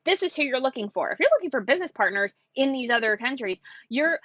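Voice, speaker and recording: A woman giving casual sales coaching in an excitable, chatty way. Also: high-pitched, fast talker, dry recording, lo-fi sound. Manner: excitable and chatty, acts out quotes. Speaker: network marketing coach.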